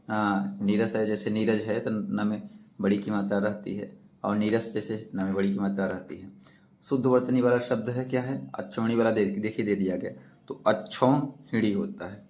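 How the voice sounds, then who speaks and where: A man's voice: lowish voice, fairly even intonation, moderate pace, darkish tone. A man teaching an exam-prep lesson, asking questions and repeating the answers himself.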